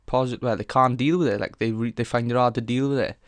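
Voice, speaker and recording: A young man talks through a casual solo podcast, frank and sweary, circling back on his thoughts with fillers and half-finished starts. His voice is smooth and resonant, sitting in a middle pitch. It is recorded close and dry, with no room sound. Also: fairly even intonation, quick pace, no room sound. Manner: frank, rambling, heavy swearing; earnest, thinks aloud with fillers and restarts. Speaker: podcast host.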